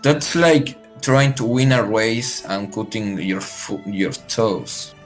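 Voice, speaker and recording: A man's voice: on the low side, slow pace, soft background music. A young man from Argentina whose first language is Spanish, guesting on a podcast in casual chat, joking crudely and laughing often.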